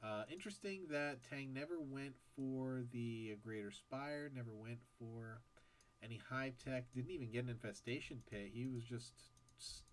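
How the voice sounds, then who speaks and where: A man is casting a strategy match alone, speaking at a moderate pace with medium pitch. A rough sore throat has left him nasal and stuffed up, and he keeps things casual between plays, as a solo esports commentator.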